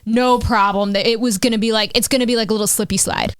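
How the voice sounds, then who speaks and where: A woman's voice: on the high side, steady tone, fast, dry recording, studio quality. Frank, crude-joking young woman. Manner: frank, crude, comic exaggeration. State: pregnant, exhausted. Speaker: podcast co-host. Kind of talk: casual chat.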